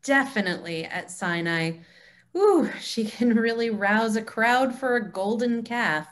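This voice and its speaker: A woman with a fairly high voice plays a confident, wise mentor in a staged dialogue read over a video call. She's animated, teaching with deliberate emphasis in a knowing, teasing mood.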